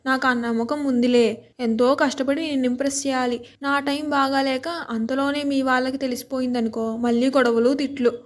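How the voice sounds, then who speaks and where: A man's voice: very high-pitched, little pitch movement, brisk. A woman voicing a friendly, confident young man courting a girl, talking playfully in a read-aloud story. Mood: earnest. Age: young adult. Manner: playful, talkative.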